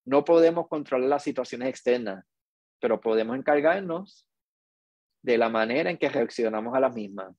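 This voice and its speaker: A middle-aged man speaks as a podcast host, slow, measured and earnest. His voice sits at an ordinary middle pitch. The sound is dry and close, with no room around it. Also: animated, a little mellow, no echo, lo-fi sound. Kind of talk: reflective podcast monologue.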